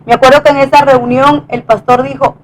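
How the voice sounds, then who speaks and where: A woman with a high voice recounts a personal testimony in an earnest, conversational way. She often stumbles and restarts her phrases as she speaks. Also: level tone, low-quality recording. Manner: earnest, halting with many restarts. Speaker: wife sharing testimony.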